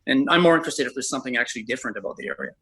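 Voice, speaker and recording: A man's voice: mid-range voice, huge pitch swings, racing, a bit bright, rough recording. A middle-aged man from Canada answering interview questions in a rambling way, with frequent hesitations. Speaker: podcast guest, traveler.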